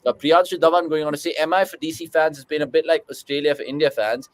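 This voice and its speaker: A man's voice: fairly high pitch, steady tone, quick pace, poor audio. A young man with a British accent hosting a live cricket watchalong, chatting with co-hosts, calling shots and reading out viewer questions.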